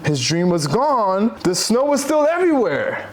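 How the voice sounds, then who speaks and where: Co-hosting a read-aloud of a children's picture book, an American man from Philadelphia sounds enthusiastic and reassuring, repeating phrases in chatty asides. His voice is high-pitched and very animated but unhurried, and there's some background noise.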